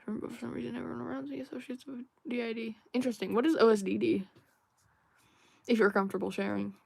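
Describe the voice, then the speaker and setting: A woman's voice: a little high, steady tone, quick pace, gravelly, a little mellow, husky, dry recording. A young woman hosting a casual livestream while drawing, musing and rambling with many fillers and restarts while she reads viewer chat aloud. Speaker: livestream host.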